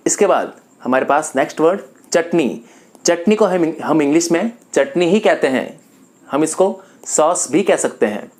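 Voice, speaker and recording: A man from Rajasthan teaching a vocabulary lesson, calmly going through a word list and repeating each term. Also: a little high, a little slow. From Rajasthan, India. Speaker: English teacher.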